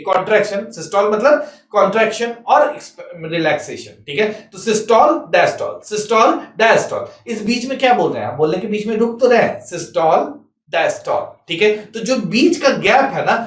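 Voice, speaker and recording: A man teaching a science lesson for exams, repeating a check-in phrase and answering his own questions. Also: sits high. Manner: mixes English terms into Hindi, spells words out slowly. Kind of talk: exam-prep science lecture. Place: classroom or small studio, writing on a board. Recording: echoey room, mic some distance off.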